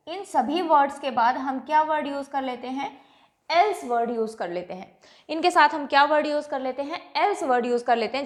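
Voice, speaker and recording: A woman teaches English grammar at the board. She repeats each point, stretches out the example words slowly, and keeps asking the class whether it is clear. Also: sits high. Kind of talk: classroom lecture. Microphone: writing on a board.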